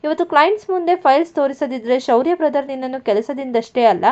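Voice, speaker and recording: A woman's voice: on the high side, moderate pace, a little mellow, lightly acted. A woman voicing a spiteful, scheming young woman who taunts and mocks, in a storybook reading with a muffled lo-fi sound. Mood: mocking. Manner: mocking, taunting. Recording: muffled lo-fi recording.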